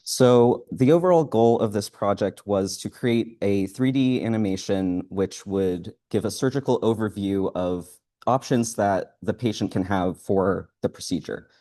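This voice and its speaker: A man giving a student presentation in front of a live audience, speaking in a halting, hesitant way. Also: fairly low pitch, warm tone.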